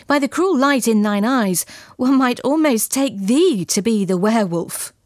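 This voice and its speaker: A woman's voice: a little high, animated, a little slow, darkish tone, dry recording, studio quality. A woman voicing a young maiden who exclaims and questions in archaic speech. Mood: anxious. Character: young maiden, loving and wondering, easily startled.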